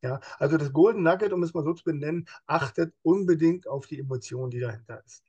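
Husky male guest, fairly high pitch, lively, acts out quotes, police officer type. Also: fast, lo-fi sound. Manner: lively, acts out quoted speech in other voices; explains with everyday examples. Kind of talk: casual interview talk.

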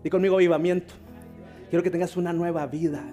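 A man's voice: fairly high pitch, fairly even intonation. A male pastor, preaching a sermon and praying fervently. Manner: fervent, slows down to pray. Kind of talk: sermon with prayer. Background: soft guitar music.

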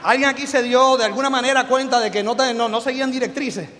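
A middle-aged man with a Puerto Rican accent gives an animated, joking motivational business talk and keeps firing questions at the audience. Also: extremely high pitch, fast. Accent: Puerto Rican Spanish. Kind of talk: live motivational seminar talk. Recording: long hall reverb.

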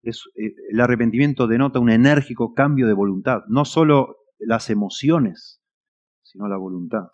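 A man's voice: mid-range voice, moderate pace. Earnest Rioplatense preacher man, lo-fi. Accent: Rioplatense Spanish. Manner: earnest, emphatic, swells and drops in loudness. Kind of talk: sermon. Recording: dull lo-fi recording.

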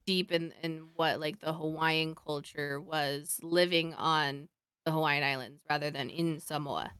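A man's voice: a little high, fairly even intonation, unhurried, pushed and bright, clear, resonant tone, no echo, clean studio sound. A young man from Oregon co-hosting a podcast, speaking in a thoughtful, agreeable way. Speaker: podcast co-host. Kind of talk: casual chat.

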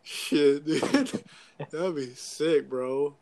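A man's voice: on the high side, extremely slow, vocal fry, darkish tone. A young man in casual conversation, talking like a frat bro with loose slang and plenty of swearing. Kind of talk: casual chat about video games.

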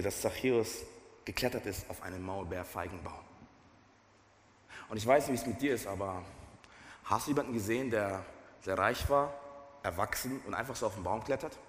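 A man's voice: on the low side, fairly quick, long pauses, slight background noise. A man preaching a sermon as a pastor, passionate, asking his listeners direct questions and mixing in English phrases. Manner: mixes English phrases into German. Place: church hall. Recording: roomy hall reverb with faint music.

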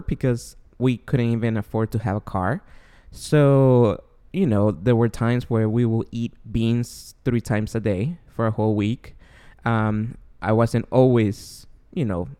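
A Guatemalan man with a Guatemalan Spanish accent hosts a casual solo podcast, rambling and self-deprecating with lots of fillers. His voice is medium-pitched, warm, and clean.

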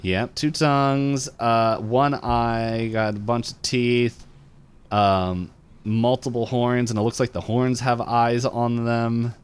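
A man's voice: medium pitch, fairly even intonation, slow pace, smooth. A man co-hosting a podcast, casually retelling a cartoon episode in a rambling way, with lots of fillers and laughs. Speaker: podcast co-host. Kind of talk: casual recap chat.

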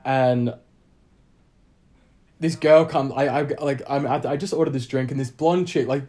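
A man's voice: mid-range voice, unhurried. A young adult man with an Australian accent, telling a long story in casual chat, rambling with many fillers and acting out other people's lines. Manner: rambling, animated storytelling with lots of fillers and acted-out quotes. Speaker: podcast guest.

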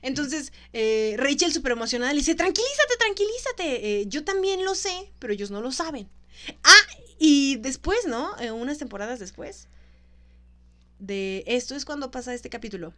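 A woman's voice: high voice, expressive, normal speed. A woman with a Mexican accent, co-hosting a casual chat and retelling a sitcom episode. She laughs often and acts out the characters' lines. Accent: Mexican Spanish. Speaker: podcast co-host.

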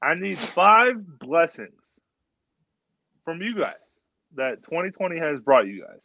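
A man's voice: fairly high pitch, very animated, unhurried, vocal fry, bright, forceful tone, no room sound. A man co-hosting a casual podcast, talking emphatically and repeating himself to drive his points home. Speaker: podcast co-host. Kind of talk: casual chat. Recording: dull, dry lo-fi sound.

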